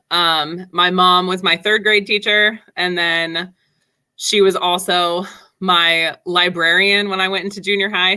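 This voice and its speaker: A woman's voice: fairly low pitch, pushed and bright. A woman from Nebraska, a teacher, talking in a friendly, easygoing way as a podcast guest. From United States (Nebraska). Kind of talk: casual interview.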